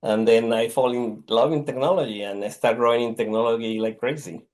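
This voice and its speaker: Appearing as a guest on a podcast, this middle-aged tech executive from Mexico has a mid-range, slightly mellow voice with fairly even intonation and a Mexican Spanish accent. He gropes for words, with many pauses and false starts.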